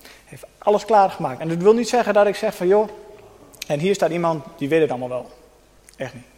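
A man preaching a sermon with personal testimony, earnest, with pauses and soft emphasis. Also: high-pitched. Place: church hall. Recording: long hall reverb.

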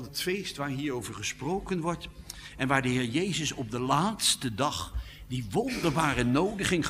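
A man preaching a sermon in a church, slow and fervent, building to strong emphasis on key phrases. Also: mid-range voice, a bit bright. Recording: long hall reverb.

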